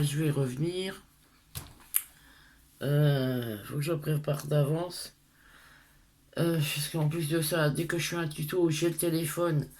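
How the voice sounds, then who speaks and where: A middle-aged woman with a low-pitched voice and a lisp on her s sounds chats casually with her followers. She's a craft tutorial vlogger, and her manner is hesitant, rambling and self-deprecating.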